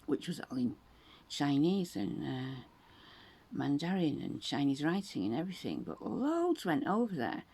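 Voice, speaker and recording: A woman's voice: low-pitched, sing-song, unhurried, a little mellow, husky. A woman in her sixties from England, talking in a rambling, chatty monologue and animating her voice when quoting others. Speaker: vlogger. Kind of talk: casual monologue.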